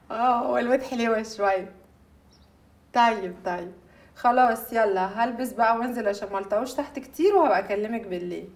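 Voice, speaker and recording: An actress playing a young, jealous and volatile newlywed bride, speaking with an Egyptian accent. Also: female voice, fairly high pitch, close to an everyday voice. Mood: chatty. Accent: Egyptian Arabic. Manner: jealous, quick to erupt. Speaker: new bride. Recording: film score under dialogue.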